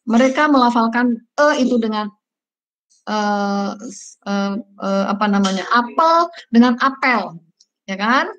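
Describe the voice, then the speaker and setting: A woman's voice: mid-range voice, fairly even intonation, unhurried, pauses often, highs cut off. A woman lecturer teaching a class, chatty and repetitive, dotting her talk with "ya" and "nah" fillers. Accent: Indonesian. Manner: chatty, repeats points with frequent "ya" and "nah" fillers.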